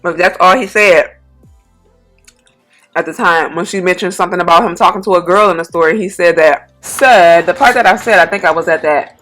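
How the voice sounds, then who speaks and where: Chill woman chatting a storytime over a meal, low-ish voice, slangy and loose, faint music under it. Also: moderate pace. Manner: relaxed, slangy retelling with frequent fillers. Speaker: mukbang channel host. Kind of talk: casual storytime while eating.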